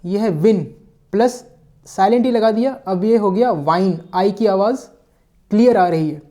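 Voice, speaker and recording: A male teacher walks through a vocabulary lesson one step at a time, pausing to check in with his listeners. His voice sits fairly high for a man, with a soft, mellow tone. He slips English terms into his sentences and now and then catches and corrects himself. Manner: mixes English words into his sentences and sometimes corrects himself mid-word. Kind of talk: explanatory classroom lesson.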